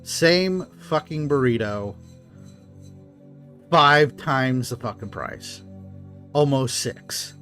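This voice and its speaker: A man's voice: medium pitch, expressive, very slow, pauses often, fairly bright tone, faint music behind. A man co-hosting a casual podcast, ranting profanely and reading chat messages aloud. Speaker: podcast co-host.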